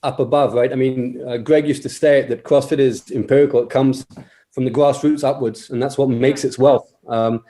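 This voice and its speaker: A man's voice: mid-range voice, fairly even intonation, normal speed, dark tone. A man in his forties, a podcast guest, talking casually and hesitantly, with many fillers and repeated words. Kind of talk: casual interview chat.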